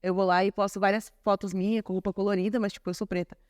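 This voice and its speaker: A woman co-hosts a podcast, talking fast and making her points emphatically. Her voice sits in a middle range, and the sound is dry and close. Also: medium pitch, level tone, a little mellow, dry recording. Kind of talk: opinionated podcast conversation.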